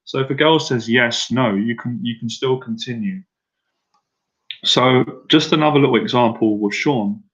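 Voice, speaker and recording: Through a muffled recording, a man's medium-pitched, slightly bright voice comes at normal speed as he coaches a live-stream audience on speaking with women. A dating confidence coach, he stays casual and direct, repeating himself and inviting viewers to reply in the chat.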